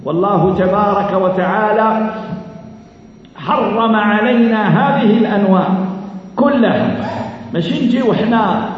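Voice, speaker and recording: High-voiced Algerian preacher in an echoey hall. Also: male voice, slight background noise. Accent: Algerian Arabic. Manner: earnest, drawn-out emphatic phrasing with repetitions. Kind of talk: mosque sermon. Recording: echoey hall, dull low-fi sound.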